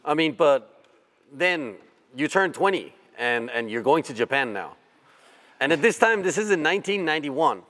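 A man in his fifties interviewing a guest in a relaxed, conversational way, often repeating words as he thinks. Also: a little high, normal speed. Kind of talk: interview questions.

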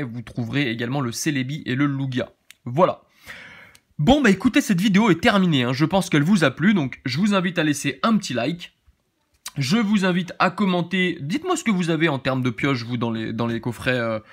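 A man with a southern French accent talks casually through a card opening, sounding a little tired. He rambles along in a chatty flow, his voice sitting at an ordinary middle pitch for a man. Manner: chatty and rambling, with frequent filler tags.

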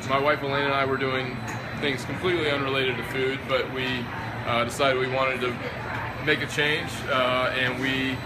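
A man in his thirties with an American accent, a chocolate maker giving a relaxed guided tour of his small shop workroom, with many "uh" pauses, recorded on a handheld phone camera. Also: mid-range voice. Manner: relaxed, explanatory, with frequent "uh" pauses. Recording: loud air-conditioning hum.

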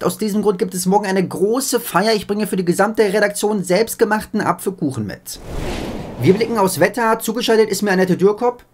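Young guy doing a deadpan news anchor parody, scripted delivery. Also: high voice. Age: young adult.

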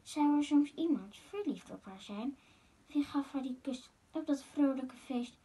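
A woman reading a rhyming children's picture book aloud as a masked guest reader, in a gentle, sing-song way. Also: high voice, lively intonation, measured pace.

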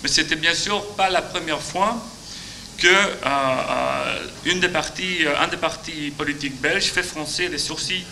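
A Flemish man delivers a conference talk in halting, second-language French. His voice is very bright and forceful, picked up on a podium microphone with faint noise behind. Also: on the high side, gravelly, low-quality recording. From Flemish Belgium. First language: Dutch (Flemish). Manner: halting non-native French with grammar slips. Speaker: conference speaker, legal adviser. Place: large conference auditorium.

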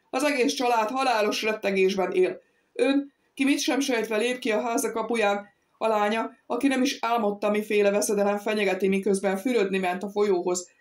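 A woman reading an audiobook, voicing an indignant, haughty lady of the house who speaks in a shrill, oratorical, accusing manner. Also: close to an everyday voice.

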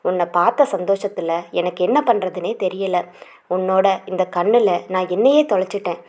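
A woman's voice: lowish voice, darkish tone, close to an everyday voice. Woman reading as a teasing young village suitor. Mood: pleading. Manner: teasing, quick, coaxing. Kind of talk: audiobook character reading.

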